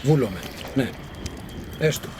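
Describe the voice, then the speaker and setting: A man voicing obedient ancient Greek units in a video game, answering in brisk, clipped acknowledgements. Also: medium pitch, expressive, background noise, close to an everyday voice. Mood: dutiful, brisk. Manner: clipped one-word acknowledgements. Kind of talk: video game unit barks. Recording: loud game music and sound effects.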